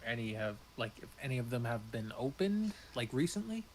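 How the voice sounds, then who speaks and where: A man's voice: mid-range voice, very animated, fairly quick, slight background noise. A young man playing in a live tabletop game, joking and brash. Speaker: player. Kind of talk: casual tabletop play.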